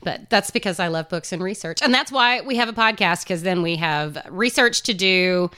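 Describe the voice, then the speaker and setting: A woman's voice: on the low side, animated, moderate pace, bright, forceful tone, clean tone. A woman co-hosting a podcast in casual, chatty talk and laughing easily; she works as a school librarian. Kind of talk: casual chat.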